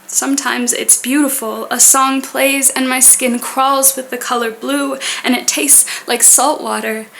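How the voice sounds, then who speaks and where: A woman with a high voice recites a spoken word piece. Her delivery is earnest and deliberate, shaped in short poetic phrases. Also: fairly even intonation, creaky, a bit bright, slight background noise.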